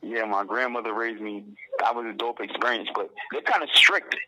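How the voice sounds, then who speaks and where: Young man from Barbados, interview guest, bright forceful voice, earnest, restarts his sentences. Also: lowish voice, normal speed, slight background noise, poor audio. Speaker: guest calling in from prison. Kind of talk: casual phone interview.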